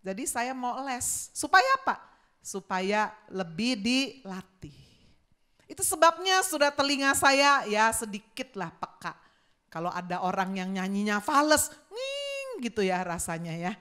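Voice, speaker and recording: A woman pastor preaching a sermon, telling stories in an animated way and singing notes aloud. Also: fairly high pitch, measured pace.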